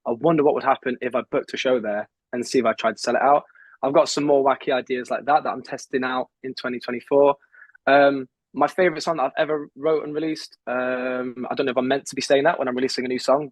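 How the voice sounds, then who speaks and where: A man's voice: mid-range voice, steady tone, quick pace, no echo, low-quality recording. A man in his twenties, a songwriter guest on an interview, talking in a chatty, rambling way with many fillers and restarts. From England. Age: 20s. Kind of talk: casual interview chat.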